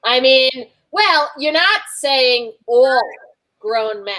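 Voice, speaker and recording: A woman's voice: high-pitched, lively intonation, slow pace, bright, forceful tone, no room sound, poor audio. A woman judging a comedy game over a video call, laid-back and giggly. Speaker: game show judge. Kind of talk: casual comedy banter.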